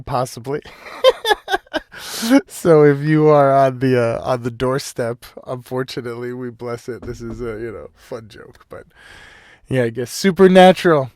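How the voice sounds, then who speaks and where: A man's voice: fairly high pitch, a little mellow, no echo. Guy doing a laid-back solo podcast, rambly, keeps saying you know, dead dry sound. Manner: rambling and loose, heavy on "you know" and "like", laughs often. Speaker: podcast host. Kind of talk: casual solo podcast monologue.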